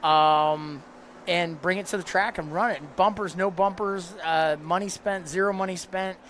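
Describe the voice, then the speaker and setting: A man's voice: high-pitched, fairly even intonation, fairly bright tone, slight background noise. Heartfelt man, choked up in an interview. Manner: emotional, heartfelt, halting with fillers. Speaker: parts vendor guest. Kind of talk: live interview.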